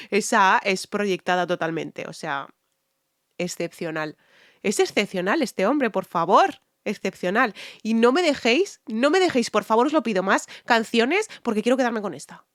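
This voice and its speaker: A woman from talks through a music video as a singer, enthusiastic and quick to repeat herself for emphasis. Her voice sits at a middle pitch. The sound is close and dry, with no room around it. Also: expressive, no room sound. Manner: hums and sings short phrases along with the song. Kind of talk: casual reaction commentary on a singer's technique.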